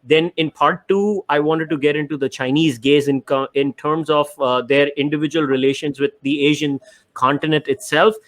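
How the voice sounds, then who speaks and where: A man's voice: on the high side, fairly even intonation, normal speed, a bit bright. A man hosting a podcast interview, laying out his ideas step by step in an explanatory way. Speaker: podcast host. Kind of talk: casual interview.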